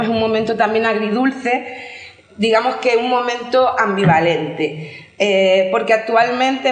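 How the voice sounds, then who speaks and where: Murcian woman giving a talk in a hall, kinda echoey, trips over words a lot. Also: medium pitch. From Murcia, Spain. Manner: hesitant restarts, filler-heavy, engaged. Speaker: invited speaker. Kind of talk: conference talk.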